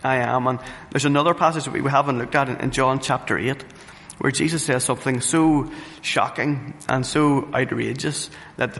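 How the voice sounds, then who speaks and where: A man's voice: medium pitch, a bit bright. A man preaching a sermon, earnest, repeating phrases for emphasis and often restarting his sentences. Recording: reverberant hall with faint ambient noise.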